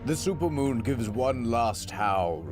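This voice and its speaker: A man's voice: mid-range voice, lively intonation, slow pace, over music. A man giving scripted comedic narration for a documentary video, telling the story in a dry, mock-dramatic way.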